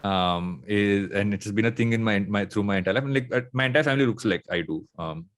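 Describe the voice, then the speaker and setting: Male podcast guest, lowish voice, thoughtful and halting, conversational interview delivery. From coastal Andhra Pradesh, India.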